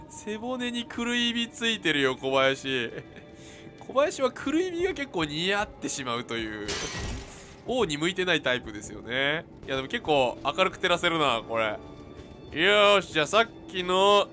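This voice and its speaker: A man commentating on his own video game play in a jokey, chatty way, talking back at enemies. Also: a little high. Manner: jokey, talks to enemies, yells in panic. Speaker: game streamer.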